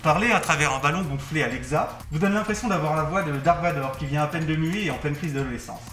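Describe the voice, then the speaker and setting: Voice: mid-range voice, fast, fairly bright tone. A science presenter giving scripted explanations of demonstrations. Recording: roomy echo under music.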